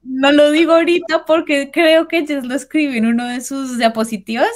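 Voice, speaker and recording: A woman guest adds brief, friendly remarks to a casual panel chat. Her voice sits a little high. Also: fairly even intonation, moderate pace.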